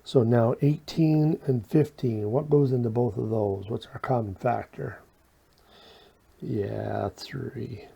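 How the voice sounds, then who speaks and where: Working through problems in a casual video lesson, a man explains math step by step in a folksy style, posing questions and answering them himself. His voice is medium-pitched, warm and husky, slow and fairly even, with vocal fry and a slight whistle on s sounds. The audio sounds dull.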